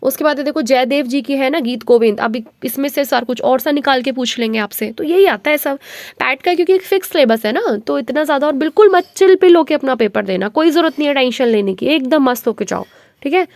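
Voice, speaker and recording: A young woman teacher races through exam revision notes in a quick, chatty way. Her voice is hoarse from a cold and sits fairly high. It is recorded close and dry, with no room sound. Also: lively intonation, darkish tone, no room sound. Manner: rapid, chatty, Hinglish asides. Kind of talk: fast revision lecture.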